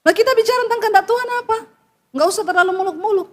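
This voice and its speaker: High-voiced woman preaching bluntly. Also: rapid-fire. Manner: blunt, scolding, preachy, uses informal slang. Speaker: pastor. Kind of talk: sermon.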